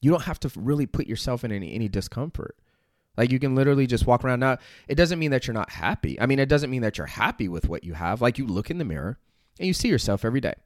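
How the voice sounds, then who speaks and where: A man's voice: medium pitch, big pitch swings, fast, no room sound, studio quality. A man giving a fired-up motivational talk about fitness, peppering it with "like" and "right?" and casual swearing. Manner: intense, swears casually, many "like" and "right?" fillers. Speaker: fitness company owner.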